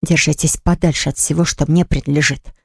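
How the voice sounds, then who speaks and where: A woman's voice: low-pitched, fairly even intonation, fairly quick, creaky, slightly rough, no echo, clean studio sound, exaggerated voice. A woman voicing an indignant young woman baker who speaks in a shaky, upset voice.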